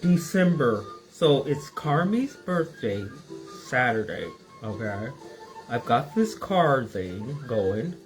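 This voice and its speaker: Chatty, slow-talking woman cooking. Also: extremely low pitch, very animated, low-quality recording. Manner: chatty, rambling, talks to viewers. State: tired and loopy. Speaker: small business owner. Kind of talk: casual cooking vlog. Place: home kitchen. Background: sizzling pan and music.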